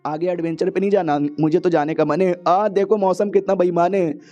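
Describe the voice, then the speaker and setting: A man's voice: sits high, level tone, brisk, mellow, highs cut off, faint music behind, close to an everyday voice. A man voicing an evasive young woman adventurer who keeps dodging questions, in a storybook-style recap. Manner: dodges questions, changes the subject.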